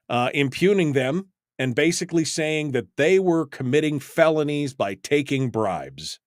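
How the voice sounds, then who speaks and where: A man with a fairly high-pitched voice hosts a freeform talk radio call-in show, rambling in an emphatic, self-mocking way. He's on a close studio microphone, with no echo.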